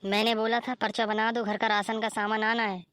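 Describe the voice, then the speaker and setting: A woman's voice: a little high, little pitch movement, a little fast, a bit bright, no room sound, natural voice. A woman voicing a scolding, complaining older mother-in-law in a cartoon story.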